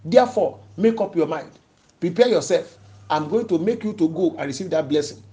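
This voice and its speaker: A preacher acts out a scheming mother giving her son urgent orders. The voice stays high with lively rises and falls and a warm, dark tone. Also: fairly quick, close to an everyday voice. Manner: urgent, commanding.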